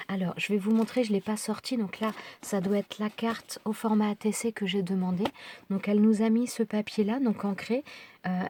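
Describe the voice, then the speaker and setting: A middle-aged woman chats through her craft mail in a casual home vlog. Her voice is husky and sits at a middling pitch. She hesitates often and drops into soft whispers now and then. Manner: chatty, hesitant with fillers and small whispered asides. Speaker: craft vlogger. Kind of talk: casual unboxing chat.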